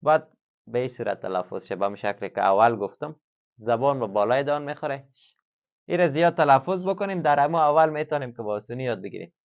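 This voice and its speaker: A man's voice: mid-range voice, expressive, gravelly. Patient male teacher. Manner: patient, repeats example words slowly several times. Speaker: German language teacher. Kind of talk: classroom-style language lesson. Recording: slightly dull lo-fi sound.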